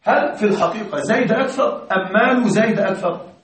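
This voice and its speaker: A man teaching Arabic grammar in a classroom, asking his students questions and repeating example sentences slowly. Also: high-pitched, fairly bright tone. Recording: echoey classroom from far off.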